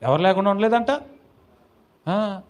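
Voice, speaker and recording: High-voiced preacher calling out to his flock. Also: animated, a little slow. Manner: call-and-response preaching, rising to loud exhortation. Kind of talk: sermon.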